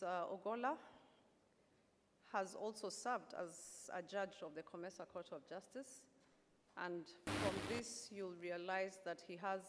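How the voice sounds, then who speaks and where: A woman giving a formal, polite podium speech as master of ceremonies at a conference. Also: lowish voice. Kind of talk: formal event announcing. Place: large conference hall, public address. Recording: echoey hall, clear background noise.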